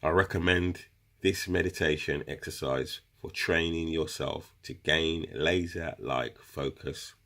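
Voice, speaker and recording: This crystal seller's voice is very deep yet a bit bright, thickened by a cold and a runny nose. Chatting with viewers he calls "guys," he teaches a meditation practice in a relaxed, instructional video style.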